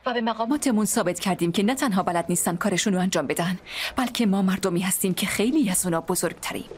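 A woman's voice: mid-range voice, slight background noise, natural voice. A woman dubbing a determined rescuer who speaks in firm declarations. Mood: resolute.

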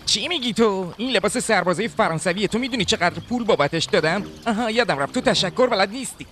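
A man's voice: sits high, animated, fairly bright tone, slight background noise. An actor dubbing a cocky young king who teases and boasts. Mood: teasing. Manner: mocking, boastful. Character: cocky young king, teasing his sister. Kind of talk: film dubbing.

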